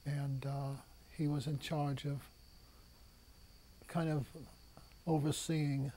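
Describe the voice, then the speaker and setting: A man in a documentary interview, speaking slowly and haltingly with many fillers. His voice is dark, with faint room ambience behind it. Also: on the high side, flat delivery, slight background noise.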